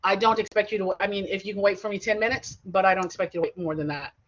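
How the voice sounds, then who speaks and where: A woman's voice: medium pitch, steady tone, rapid-fire. Chatty middle-aged woman lecturing online. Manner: chatty and digressive, with frequent asides and self-corrections. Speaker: college instructor. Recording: dull lo-fi video-call audio.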